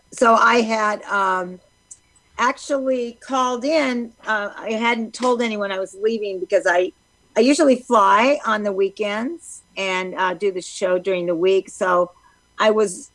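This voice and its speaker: A woman's voice: mid-range voice, no echo, poor audio. A woman guest on a live talk show, telling stories with lots of fillers and restarts. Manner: animated storyteller with many fillers.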